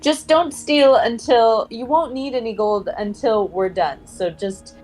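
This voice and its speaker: A woman playing an earnest, principled adventurer in a tabletop game, speaking in a halting, patient, gently admonishing way. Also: on the high side, lightly acted. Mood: gently scolding.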